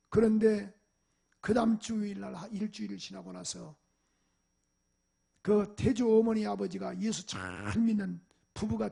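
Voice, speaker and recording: High, gravelly-voiced Korean pastor preaching. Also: male voice. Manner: animated storytelling, acting out parents and shouting at a dog. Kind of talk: sermon with personal stories. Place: church sanctuary.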